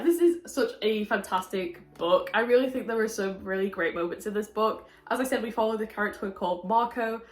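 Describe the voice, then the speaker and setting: A sick woman reviewing a book in casual chat, her voice muffled as if heard through a window, chatty and often laughing. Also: medium pitch. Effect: muffled, as if talking through a window. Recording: echoey room.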